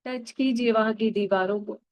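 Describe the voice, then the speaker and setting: A woman guiding an inner child healing meditation, speaking softly and gently straight to the listener. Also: medium pitch, steady tone, no room sound. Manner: soft, slow and gentle, addressing the listener directly. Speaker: meditation guide.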